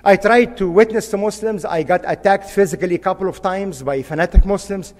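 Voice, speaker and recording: A man's voice: high-pitched, brisk, big-room sound. A middle-aged man from Egypt, preaching a sermon in an impassioned, emphatic way and repeating key phrases.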